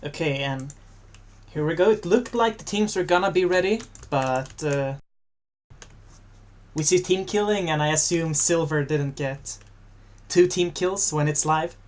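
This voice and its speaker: Guy casting a game match, jokey, gets louder when the fights kick off. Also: on the high side, unhurried. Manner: chatty, jokey, rises when a fight breaks out. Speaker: esports commentator. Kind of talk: casual game commentary.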